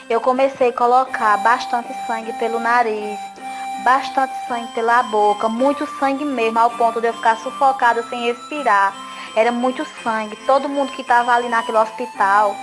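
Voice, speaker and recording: A woman tells a religious testimony earnestly and with deep emotion. Her voice sits a little high, and loud background music plays behind her throughout. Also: poor audio. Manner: earnest, emotional storytelling with tearful pleas to God. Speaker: testimony giver.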